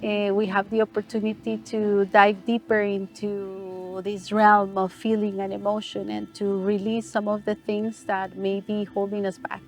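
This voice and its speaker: A young woman from Costa Rica, answering interview questions in a slow, reflective, gentle way. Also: medium pitch, level tone, soft background music. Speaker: guest, ceremonialist and sound therapist.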